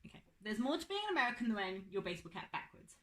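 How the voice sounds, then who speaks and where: A woman's voice: medium pitch, very animated, rapid-fire, fairly bright tone, slight background noise. A young woman teaching a phonics lesson to children, patient and drawing out her words.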